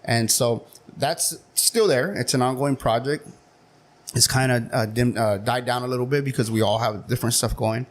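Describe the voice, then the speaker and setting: A man's voice: mid-range voice, normal speed. Candid man in his forties. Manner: candid, frank, loose with fillers. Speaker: podcast guest, city council member. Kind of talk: casual interview chat.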